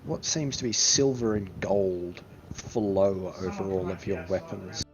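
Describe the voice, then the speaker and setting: A man's voice: low-pitched, steady tone, measured pace, crowd noise. A man acting as game master, narrating a tabletop game. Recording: dull recording under loud music.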